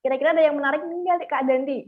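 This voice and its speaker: A woman moderating an online class and reading out viewers' questions. Her voice is fairly high and comes through a tinny, phone-like line. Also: fairly even intonation, racing. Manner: reads out audience questions.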